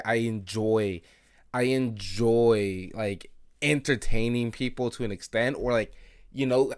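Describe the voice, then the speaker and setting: A man in his early twenties hosting an unscripted late-night solo podcast, rambling, self-critical and swearing, with many fillers and laughs. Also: mid-range voice. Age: 20s. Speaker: podcast host.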